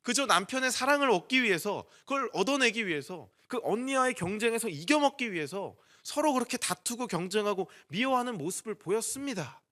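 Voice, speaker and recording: A man's voice: high voice, expressive, brisk, hardly any pauses, sharp tone. A young man preaching an earnest dawn prayer sermon, putting rhetorical questions to the congregation.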